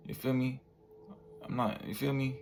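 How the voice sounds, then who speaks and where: A vlogger in his twenties delivers a casual motivational monologue to the camera, laid back and slangy, tacking "bro" and "you feel me" onto his lines. He speaks at normal speed with medium pitch, fairly even intonation, and a slightly mellow tone. Faint music plays behind him.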